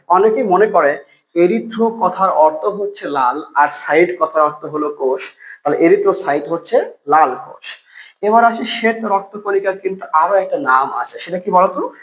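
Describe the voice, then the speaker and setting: A man's voice: on the high side, a bit bright, rough recording. Bangladeshi man teaching, quizzing himself. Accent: Bangladeshi Bengali. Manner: asks questions and answers them himself, repeats terms slowly syllable by syllable. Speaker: biology teacher. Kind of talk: online classroom lesson.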